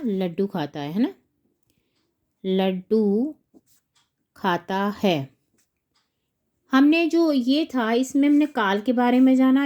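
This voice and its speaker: A woman teacher works slowly through a school textbook lesson, breaking words apart and spelling them out syllable by syllable as she explains. Her voice is on the high side with a darkish tone.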